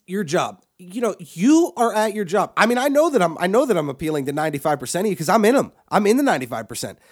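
A man's voice: high-pitched, sing-song, quick pace. A man co-hosting a podcast, ranting crudely and profanely, with frequent restarts and repeated words. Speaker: podcast co-host. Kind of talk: crude comedic rant.

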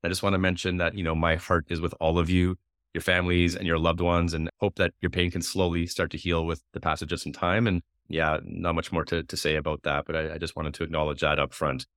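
A man from Winnipeg, Canada, hosting an interview podcast with a hoarse smoker's rasp and a runny nose. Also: deep voice, little pitch movement, brisk, fairly bright tone, no room sound, clean studio sound. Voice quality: raspy, like a heavy smoker, from a strained throat. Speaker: podcast host.

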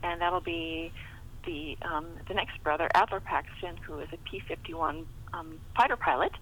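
In a low-quality recording with a little hiss or hum, a middle-aged woman with a fairly low-pitched voice speaks at a normal speed. She's the interviewed guest author, chatting casually about writing and telling stories with animated enthusiasm.

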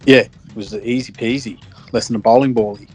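A man with an average-pitched voice chats casually as a podcast co-host. He sounds easygoing and agreeable, feeling his way through his thoughts with some hesitation. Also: fairly even intonation, fairly quick, husky. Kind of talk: casual chat.

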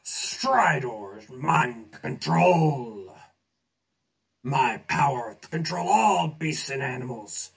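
A man's voice: mid-range voice, very animated, extremely slow, creaky, voice pushed up, full character voice. A man voicing a boastful, wicked beast-master henchman gloating over his enemy in a children's storybook recording. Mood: gloating, menacing.

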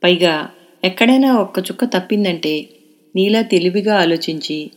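A woman's voice: lowish voice, normal speed, natural voice. A woman voicing a playful, teasing young woman friend in an audio novel.

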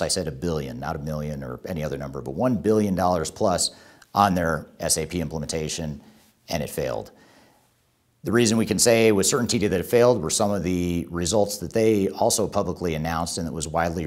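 A man with a very deep voice hosts a top ten countdown video. He delivers it as a semi-scripted explainer. He tends to restate key points to drive them home. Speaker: YouTube host and presenter.

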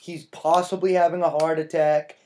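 A man's voice: a little high, little pitch movement, normal speed, darkish tone, slight background noise. A man co-hosting a podcast in casual chat, dry and sarcastic. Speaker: podcast co-host.

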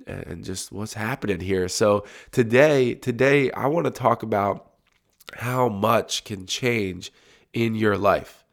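Recording a solo podcast in his home studio, a young host has a head cold that makes his low, gravelly voice sound deep and resonant. His congested monologue is relaxed and reflective, with frequent restarts on words as he collects his thoughts.

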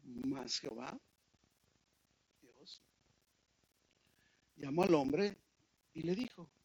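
Preacher guy, kinda husky, talks to the crowd like a chat, asks them stuff. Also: fairly high pitch, lively intonation, extremely slow, mellow, no room sound, highs cut off. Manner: conversational, asks listeners rhetorical questions. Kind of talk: sermon.

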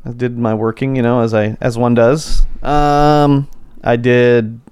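A man's voice: medium pitch, level tone, a little slow, darkish tone, clear, resonant tone, no echo. A man, co-hosting a podcast and telling a casual story about his office, acting out what his coworkers said. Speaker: podcast co-host. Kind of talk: casual chat.

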